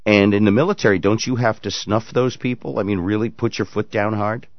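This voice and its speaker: Low-voiced man hosting talk radio. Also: fairly even intonation, fairly quick, no room sound, highs cut off. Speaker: radio talk show host. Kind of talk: casual call-in talk.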